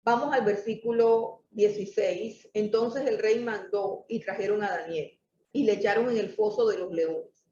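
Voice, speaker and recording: Woman Bible teacher, deliberate and emphatic; distant, dull recording with faint hiss. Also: mid-range voice, dark tone. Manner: slow and emphatic, repeats key words for stress. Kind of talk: Bible study lesson. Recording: distant, echoey, muffled room recording with faint noise.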